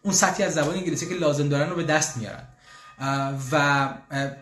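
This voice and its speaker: Man, live Q&A host, casual, chatty, filler pauses, restarts, roomy echo. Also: on the high side. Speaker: language school host answering questions. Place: room in Austria, church bells heard.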